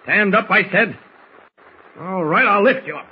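An actor playing a firm, commanding government agent hero, in 1940s radio acting style. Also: male voice, high voice, unhurried, breathy edge, full character voice. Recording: dull noisy old radio recording.

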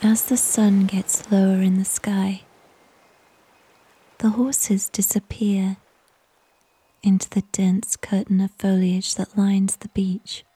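A woman whispers a guided relaxation story about nature. Her voice is very breathy and soft, with an even, barely moving melody. She goes slowly and soothingly, leaving long pauses between short phrases. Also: mid-range voice, poor audio.

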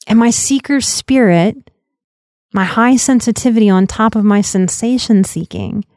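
A woman in her late thirties, a podcast host and life coach, telling a personal story in an earnest, reflective way and slowing down for emphasis. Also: fairly high pitch, a little mellow, no echo, clean studio sound. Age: 30s.

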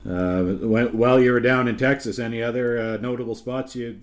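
A man's voice: mid-range voice, steady tone, fairly quick. A man hosting a podcast, asking questions with short, encouraging replies. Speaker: podcast host. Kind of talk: casual interview.

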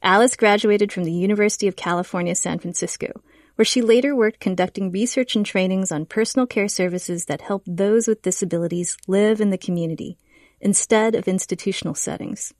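A woman reading scripted narration in the measured manner of a public radio host. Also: medium pitch, a little mellow, no echo, studio quality.

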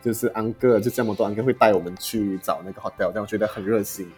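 A man's voice: fairly low pitch, steady tone, very fast, a little mellow, soft background music. A man from Malaysia, chatting casually as a podcast guest. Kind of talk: casual chat.

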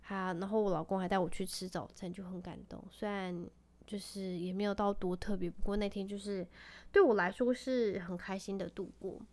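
A woman's voice: mid-range voice, steady tone, fairly quick, a little mellow. A woman in her thirties hosting a podcast, chatting casually and tenderly about family life, laughing often. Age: 30s. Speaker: podcast host. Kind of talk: casual chat.

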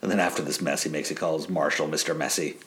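A man with a very deep voice co-hosting a casual podcast. He retells sitcom scenes and chuckles often as he goes. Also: steady tone, fast talker, a bit bright. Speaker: podcast co-host. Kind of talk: casual TV episode recap chat.

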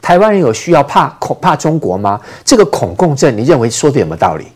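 A man's voice: a little high, very animated, quick pace. A man with a Taiwanese Mandarin accent hosting a political talk show, summing up a report and putting questions to a guest. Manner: reads a summary, then poses questions to guests.

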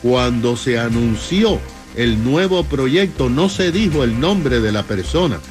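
A man with a medium-pitched voice presents news on a radio show at a slow, measured pace. He explains things to his co-host, and music plays clearly behind him. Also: animated. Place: radio studio. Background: music bed.

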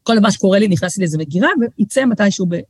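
A woman's voice: medium pitch, husky, dry recording. Middle-aged woman, guest author on a podcast, chatty storyteller with a close, dry sound. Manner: lively storyteller, acts out quoted voices, frequent restarts. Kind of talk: casual podcast conversation.

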